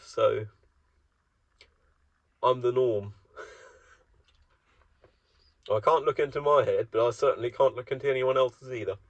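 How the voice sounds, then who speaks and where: A man from Germany rambles through a casual solo monologue, drifting from one thought to the next with a wry, self-mocking edge. His voice sits at an ordinary middle pitch. The recording sounds muffled and dry, as if captured close with no room around him. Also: no echo. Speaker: solo vlogger.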